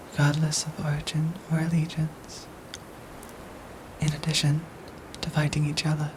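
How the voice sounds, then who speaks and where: In a whispered ASMR roleplay, a woman voices a protective android soldier, using soft, breathy, formal and precise phrasing with light acting. Her pitch is low, and there is some background noise.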